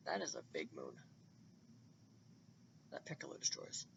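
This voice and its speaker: A man giving casual, excitable and rambling commentary on a computer game fight, on a dull lo-fi recording with faint hiss. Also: unhurried. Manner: excitable and rambling, with many restarts.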